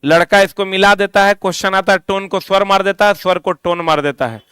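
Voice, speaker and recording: A man's voice: high-pitched, steady tone, brisk, a bit bright, clean tone, dry recording, studio quality. A man with a Bihari accent teaching a class, drilling students with repeated questions and scolding them. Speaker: coaching teacher. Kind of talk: classroom lecture.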